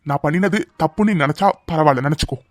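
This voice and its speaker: Guy doing a fast-talking protective young lover in a cartoon, pleading, dry close sound. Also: fairly high pitch, no echo, close to an everyday voice. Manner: pleading and insistent, speaks fast. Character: devoted, protective young man, fiery in love. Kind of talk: cartoon dub dialogue.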